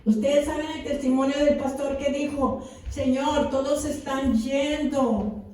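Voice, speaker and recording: A woman's voice: high voice, steady tone, unhurried, darkish tone, slight background noise. A woman pastor preaching a sermon with fervor, often adding amens. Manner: fervent preaching with repeated amens. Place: church. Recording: echoey church hall, voice from far off.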